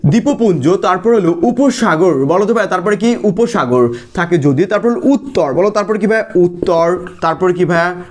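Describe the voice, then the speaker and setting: A man's voice: high voice, animated, moderate pace. A young man from Bangladesh teaching English grammar for exam prep. He drills students by asking questions and answering them himself, and keeps calling them brother. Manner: calls listeners brother over and over. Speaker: English tutor. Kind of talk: energetic exam-prep lesson with call-and-response drills.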